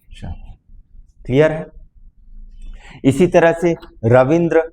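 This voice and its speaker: A male teacher from Chhattisgarh lecturing a class on grammar, speaking to students fondly and checking often whether they understood, drawing vowel sounds out slowly. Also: fairly high pitch, a little mellow. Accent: Chhattisgarh Hindi.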